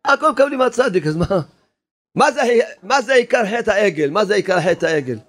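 A rabbi preaching a fervent sermon, repeating phrases and urging his listeners, sometimes shouting. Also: high voice, expressive. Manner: impassioned, repetitive exhortation, sometimes shouting.

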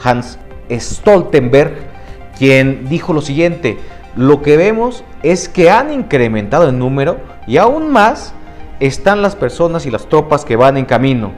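A man's voice: a little high, very animated, measured pace, soft background music. A man co-hosting a news podcast, reading international headlines with joking asides. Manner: joking, self-mocking asides. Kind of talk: news read with banter.

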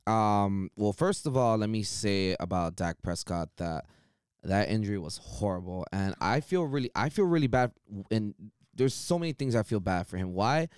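A man co-hosting a casual sports chat, blunt and animated, with frequent swearing. His voice sits a little low and sounds smooth and resonant. The recording is dry and close. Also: moderate pace, dry recording. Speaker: podcast co-host.

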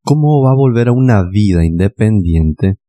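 A man's voice: on the low side, lively intonation, normal speed, mellow. A man in a casual discussion who affirms his partner's points and builds on them.

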